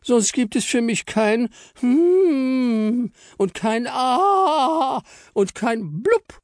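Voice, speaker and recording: A man's voice: measured pace, creaky, mellow, no echo, studio quality, full character voice. A man voicing a self-important, big female chocolate star who whines and wails melodramatically. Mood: insistent. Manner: shrill, wailing and melodramatic.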